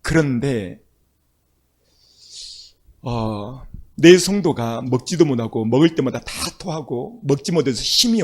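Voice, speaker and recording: A man's voice: mid-range voice, darkish tone, breathy edge. A male pastor preaching a sermon, telling stories with emphatic, rising exclamations.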